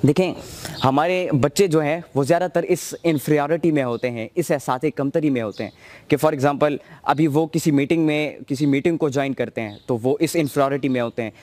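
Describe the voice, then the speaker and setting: A man's voice: on the high side, brisk, a little mellow. A man giving an earnest talk on communication skills, explaining each point step by step.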